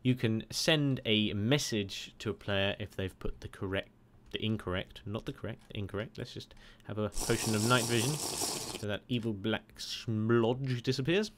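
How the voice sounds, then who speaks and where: Low-voiced man rambling through a tutorial. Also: moderate pace, background noise. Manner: rambling, chatty, many filler "uh"s. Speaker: game tutorial maker. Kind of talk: casual screen-recorded tutorial narration.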